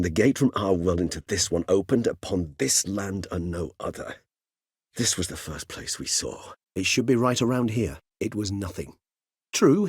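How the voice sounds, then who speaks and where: In this video game dialogue, a male actor voices a courteous, erudite, world-weary vampire centuries old, using measured, eloquent, formal phrases. His fairly low voice carries a breathy edge and a measured, wry mood, captured in studio quality with no room sound.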